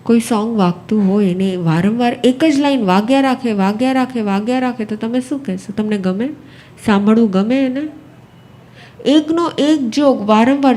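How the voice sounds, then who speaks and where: A woman's voice: high-pitched, dark tone. A Jain nun giving a spiritual discourse to a live audience with a Gujarati accent, repeating phrases and putting questions to her listeners. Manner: repetitive, asks the audience questions.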